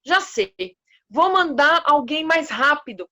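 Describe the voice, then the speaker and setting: A woman's voice: high-pitched, very animated, slow pace, bright, forceful tone, full character voice. A woman voicing a bossy, stubborn male leopard king who barks orders in a children's story. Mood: exasperated. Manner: commanding, exclaiming.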